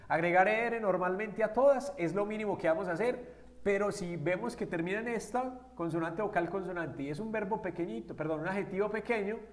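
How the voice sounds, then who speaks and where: Man patiently teaching English grammar. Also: high-pitched. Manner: patient, explains step by step with checking questions. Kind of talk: classroom-style grammar lesson.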